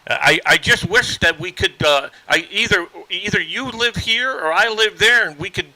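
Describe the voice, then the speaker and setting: Ham radio guy, super bright crisp voice, dry close sound, chatty and friendly. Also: sits high, normal speed, dry recording, poor audio. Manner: chatty, friendly, many fillers. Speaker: amateur radio operator. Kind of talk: casual radio chat. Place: remote ham radio station.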